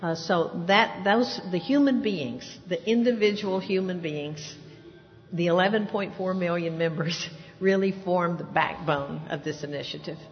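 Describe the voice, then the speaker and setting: A woman bishop answers a panel question in a very low voice, steady and informative. Her words hang in a long hall reverb. The recording is muffled and lo-fi. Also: a little slow, faint music behind. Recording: reverberant hall, dull lo-fi sound.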